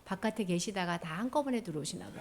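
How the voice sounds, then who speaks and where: Woman, children's pastor, high voice, very lively intonation, quizzing, animated. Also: slight background noise. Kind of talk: children's sermon.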